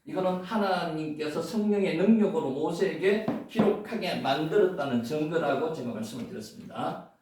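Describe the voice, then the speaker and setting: High-voiced male lecturer, lively pitch, booming echo, mic distant, playful and repetitive teaching. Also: moderate pace. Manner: playful, repeats words, sometimes chants. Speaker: Bible Hebrew lecturer. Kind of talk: classroom lecture. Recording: echoey room, mic far off.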